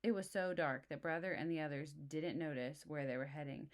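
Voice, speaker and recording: A woman's voice: low voice, steady tone, brisk. A woman reading a storybook aloud expressively for young children, adding simple explanatory asides. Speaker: storybook reader.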